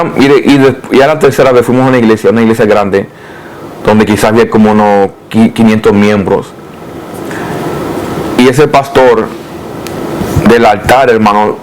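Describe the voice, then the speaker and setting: Middle-aged pastor guy telling his testimony, earnest, mid pitch, faint noise behind. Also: low-quality recording. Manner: earnest, addresses listener as brother; rises and gets louder when reliving prayers. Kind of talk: testimony in a podcast interview.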